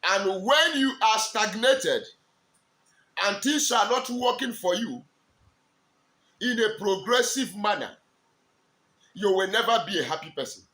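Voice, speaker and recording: A man from eastern Nigeria with a Nigerian accent, an Igbo speaker, preaching in slow, emphatic, drawn-out declarations as a spiritual teacher. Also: high voice, expressive, bright, forceful tone. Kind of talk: preaching to camera.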